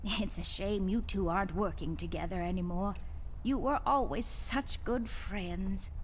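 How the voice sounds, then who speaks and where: A woman's voice: medium pitch, a little slow, a little hiss or hum, close to an everyday voice. A woman voicing a worried, polite female giraffe in a video game, earnest and pleading. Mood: concerned. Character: anxious, devoted female giraffe, polite and deferential.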